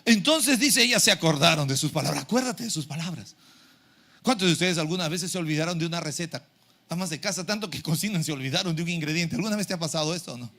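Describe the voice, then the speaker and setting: Middle-aged pastor, bright forceful voice, lively preaching that acts out voices. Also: male voice, on the high side, quick pace. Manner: animated preaching, acting out congregants' complaints. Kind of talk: sermon. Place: church.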